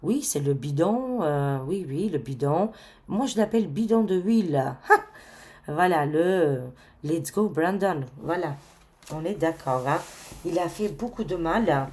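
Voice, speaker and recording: A woman with a notably low voice gives a casual spiritual card reading. She talks chattily, peppering her speech with fillers and excited exclamations. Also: measured pace. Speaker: tarot card reader.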